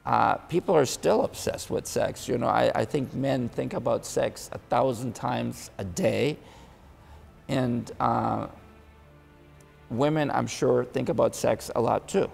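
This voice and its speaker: A man's voice: medium pitch, unhurried, vocal fry, darkish tone, breathy edge, long reverb tail, soft background music. A man hosting an interview, musing and hesitant with fillers. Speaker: interviewer host.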